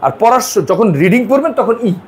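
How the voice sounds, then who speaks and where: A middle-aged man with a high, lively voice teaches French sounds to a single student. He keeps repeating letters and correcting mistakes, and he drifts into chatty asides between the drills. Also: brisk, slight background noise. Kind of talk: one-on-one language lesson.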